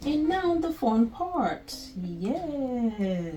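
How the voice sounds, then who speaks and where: This sewing tutorial host, a woman in her thirties with a Nigerian accent, walks casually through her project step by step, chatting and thinking aloud as she works. Her voice sits high and is mellow, with big swings in pitch and a very slow delivery.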